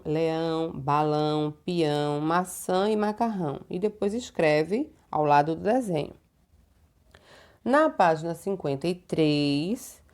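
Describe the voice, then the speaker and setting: In this recorded homework lesson for little kids, a Brazilian primary school teacher talks slowly and stretches her words in a patient, didactic style, full of diminutives and checking tags. She has a Brazilian Portuguese accent and a slightly low voice with a darkish tone.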